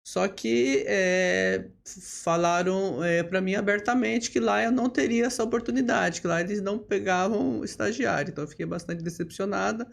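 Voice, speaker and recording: This gravelly-voiced São woman in her fifties is from Brazil and appears as a podcast guest, a lawyer and bar association leader telling stories in a relaxed interview. Her voice is mid-range at a moderate pace with hardly any pauses. She stays steady, using frequent tag questions and hesitation fillers.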